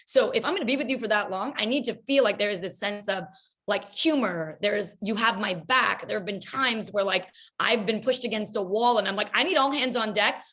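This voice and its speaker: A woman wedding planner speaking on a panel over a video call, animated and full of "like"s. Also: medium pitch. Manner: rapid, animated, lots of "like". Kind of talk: panel discussion.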